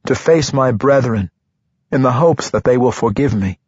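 A man voicing a gentle, humble male monk. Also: mid-range voice, moderate pace, husky, no room sound, lo-fi sound, voice pushed up, lightly acted. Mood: earnest.

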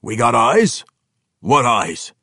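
A stern dwarf king voiced by a man asks curt, demanding questions, a little higher and louder than the reader's own low voice. The reading sounds close and dry. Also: very animated, takes it slowly, creaky, husky, no room sound, exaggerated voice.

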